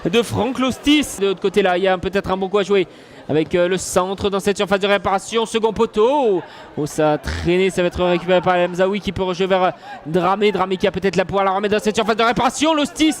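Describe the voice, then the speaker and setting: A man's voice: sits high, brisk. A man giving live play-by-play football commentary, following each attack as it unfolds.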